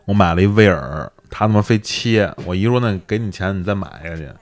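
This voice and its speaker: A man with a Beijing accent talks quickly in a lowish voice, reminiscing in loose podcast chat. He is blunt and slangy, swearing as he goes. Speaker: podcast co-host.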